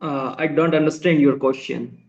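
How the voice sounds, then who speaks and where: A man from India who speaks Hindi as his first language practices English as a learner in a casual online conversation lesson. His voice is fairly high and fairly even, at normal speed, and he uses earnest, polite, simple phrasing. He is heard through a laptop microphone on a video call, giving a roomy, lo-fi sound.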